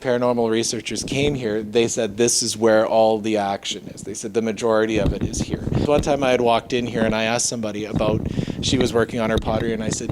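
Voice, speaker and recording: A man telling stories as a ghost tour guide, in a halting, conversational way. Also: fairly low pitch. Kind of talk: informal walking tour storytelling. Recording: clear background noise, clicks.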